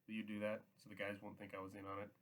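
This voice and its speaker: A tired, resigned farmhand, voiced by a male reader, low and flat, with a slow, heavy manner. It sounds like storybook reading more than full acting. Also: noisy background, close to an everyday voice. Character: weary, guarded male farmhand.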